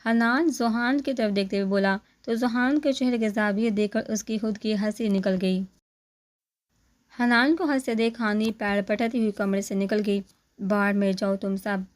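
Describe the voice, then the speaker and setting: A woman reading a romance novel aloud at a steady, even pace. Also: a little high, moderate pace. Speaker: narrator.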